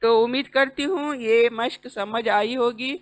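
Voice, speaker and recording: A woman teaching Quran recitation, chanting words slowly with long drawn syllables between quick explanations. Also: fairly high pitch. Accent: Indian. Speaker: tajweed teacher. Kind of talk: recitation lesson.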